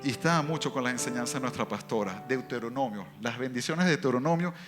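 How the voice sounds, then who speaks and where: A man with a foreign accent giving a lively church testimony in story form, moving between quick and drawn-out phrases. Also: mid-range voice, over music. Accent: foreign accent in Spanish.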